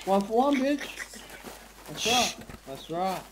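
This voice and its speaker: A man's voice: high voice, very animated, takes it slowly. Taunting man on noisy game chat. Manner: taunting, aggressive, profane trash talk. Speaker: game player.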